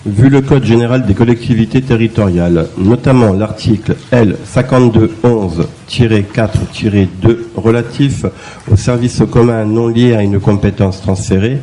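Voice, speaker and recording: A man's voice: on the low side, normal speed, mellow, slight background noise, low-quality recording. A man on a town council reading a long string of legal references aloud at a plodding pace. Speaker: council member reporting a motion.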